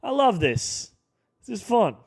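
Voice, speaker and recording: A man in his early twenties giving casual play-by-play commentary over a basketball video game, excitable and breaking into sudden shouts. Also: high-pitched, unhurried, husky, no room sound, clean studio sound. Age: 20s. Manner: excitable, calls plays aloud with sudden shouts. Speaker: gaming YouTuber.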